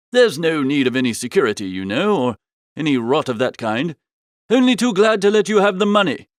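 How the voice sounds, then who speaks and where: A man narrates a comic audiobook as an amiable, flustered upper-class young gentleman, chatty and full of old-fashioned slang. His voice is a little high, recorded dry at studio quality.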